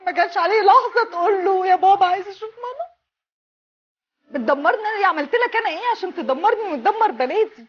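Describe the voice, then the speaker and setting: A woman's voice: very high voice, expressive, rapid-fire, muffled recording. An Egyptian woman crying as she makes a desperate plea on a talk show, repeating herself between sobs. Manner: desperate, repeats her words, breaks off in sobs. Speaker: mother pleading for her children. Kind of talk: tearful televised plea.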